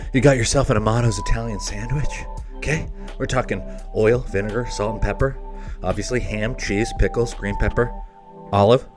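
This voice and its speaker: A man telling a crude, rambling comic story with excitable energy and lots of asides. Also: high voice. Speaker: comedy vlogger.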